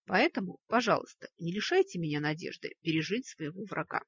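A woman's voice: lowish voice, lively intonation, fairly quick, fairly bright tone, slightly rough, full character voice. A woman voicing a talking wolf, a pompous and wordy male lord under a curse, in a storybook reading. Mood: courteous. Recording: dull lo-fi recording.

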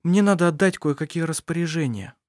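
Brief: male reader playing a resolute young woman, soft and hushed, slightly raised pitch, dry booth. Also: lively intonation, fairly quick, dry recording, lightly acted. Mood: calm resolve. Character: young woman, calm, strong-willed daughter.

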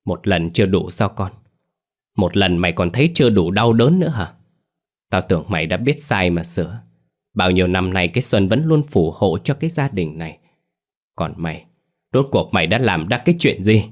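A man's voice: low-pitched, lively intonation, moderate pace. A man voicing an old grandmother who harshly scolds her grown son in a spoken ghost story. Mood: angry scolding.

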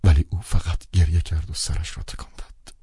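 A man narrating a novel as an audiobook in calm, measured first-person storytelling. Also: low-pitched, breathy edge, no echo, studio quality. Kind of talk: scripted narration.

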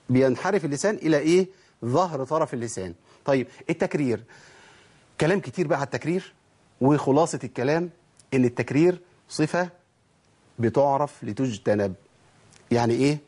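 Fast-talking husky Egyptian male teacher. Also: a little high, a little mellow. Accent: Egyptian Arabic. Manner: quizzing listeners with rhetorical questions. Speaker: Quran recitation teacher. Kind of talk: tajweed lesson.

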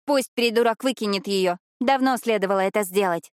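A woman voicing a bratty, angry teenage girl who shouts and scolds in an audiobook. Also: medium pitch, a little fast, smooth, no echo, clean studio sound, natural voice. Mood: sullen.

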